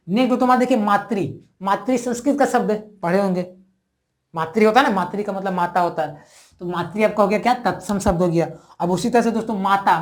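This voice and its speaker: A woman teaching a grammar lesson, who repeats each word and keeps asking her viewers questions. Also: medium pitch.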